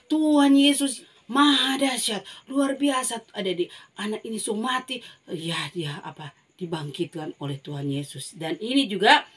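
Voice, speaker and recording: Woman, Manado Malay accent, Sunday school teacher telling a Bible story to kids; lively, swooping delivery, exclamations and repeats. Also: mid-range voice, slightly rough. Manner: animated storytelling, frequent exclamations, repeats key phrases. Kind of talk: Bible story lesson for children.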